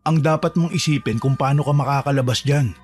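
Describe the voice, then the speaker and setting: A man voicing a calm, protective gardener who reassures a trapped girl in a horror drama. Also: fairly quick, close to an everyday voice. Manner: calm, reassuring, low-key. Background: faint music.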